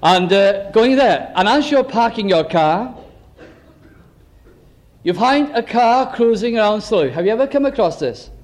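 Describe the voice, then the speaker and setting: An older man preaching a sermon earnestly, slowing down to stress key phrases. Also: high voice, lively intonation, darkish tone, poor audio.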